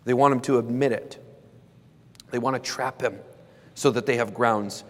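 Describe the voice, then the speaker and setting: Male pastor, mid-range voice, measured sermon delivery, long reverberant church hall. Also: mid-range voice, steady tone. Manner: measured preaching, slows for emphasis, dramatizes quoted questions.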